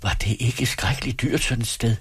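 Tired wary wife, read by a man, cold doubtful tone, husky, dry recording. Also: medium pitch, a bit bright, no echo, pitched above the performer's own voice. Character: weary, wary wife and mother.

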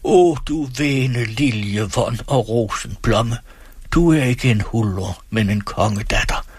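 A man's voice: lowish voice, expressive, breathy edge, no room sound. A man voicing a gloomy old peasant woman seer in a read-aloud story, speaking in a solemn, prophetic way. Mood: rejoicing.

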